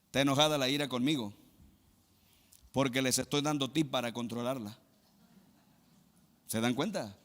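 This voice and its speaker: Male Mexican pastor, emphatic sermon delivery, bright tense tone, long hall echo. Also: moderate pace, pauses often. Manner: emphatic preaching, swings between loud exclamations and low asides.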